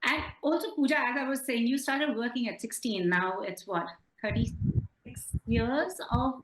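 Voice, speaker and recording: In a reverberant room, a woman with an Indian English accent conducts a conversational interview. Her voice sits fairly high. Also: normal speed. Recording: echoey room.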